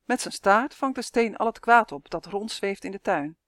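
A woman's voice: medium pitch, normal speed, no room sound, clean studio sound. Woman reading a fairy tale aloud. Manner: clear, lively storytelling with voiced characters. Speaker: storyteller reading her own story.

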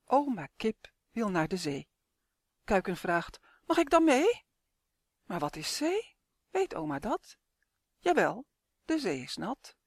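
A woman reading her own rhyming children's story aloud in a lively sing-song storytelling manner. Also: medium pitch, dry recording, studio quality. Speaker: author and reader. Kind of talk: storybook narration.

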